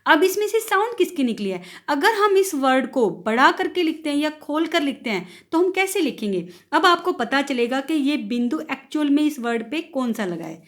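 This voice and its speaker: A woman teacher with a high voice leads a grammar lesson for primary school children. She speaks slowly and draws out each example word so the class can say it back. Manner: slow, drawn-out demonstration of words for children to repeat.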